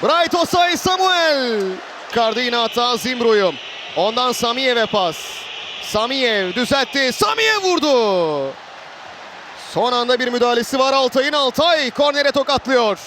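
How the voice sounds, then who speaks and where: A man giving live football play-by-play in an excitable way, with clipped phrases and drawn-out names. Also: very high-pitched. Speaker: football match commentator. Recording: roaring stadium crowd noise behind voice. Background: stadium crowd ambience.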